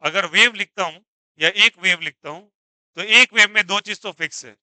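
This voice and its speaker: A man's voice: high-pitched, normal speed, sharp tone, dry recording. A male teacher lecturing a class on waves, who keeps asking students questions and answering them himself, switching between Hindi and English.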